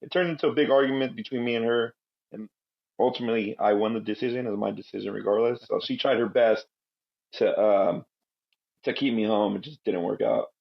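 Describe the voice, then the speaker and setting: A man's voice: on the low side, a little fast, gravelly, lo-fi sound. A man in his thirties, raised in Southern California, a podcast guest telling stories in a laid-back, rambling way. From Guatemala, raised in Southern California. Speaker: podcast guest, Marine veteran. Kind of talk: casual interview storytelling.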